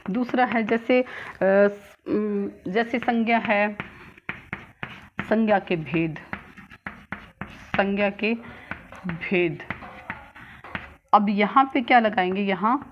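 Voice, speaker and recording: A woman teacher giving a grammar lesson, speaking slowly and repeating key words with frequent filler sounds. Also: mid-range voice. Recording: dull lo-fi sound with faint noise.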